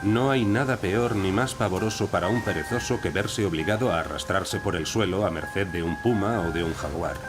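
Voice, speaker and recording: A man's voice: deep voice, normal speed, hardly any pauses, over music. A man reading scripted narration as the narrator of a nature documentary. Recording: insect and wildlife noise behind voice. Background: rainforest ambience with crickets and insects.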